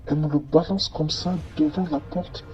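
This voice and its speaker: A man's voice: fairly high pitch, fairly even intonation, normal speed, darkish tone, breathy edge, lo-fi sound. A man telling a first-person story in a hesitant way, with many fillers and restarts. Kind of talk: first-person testimony narration.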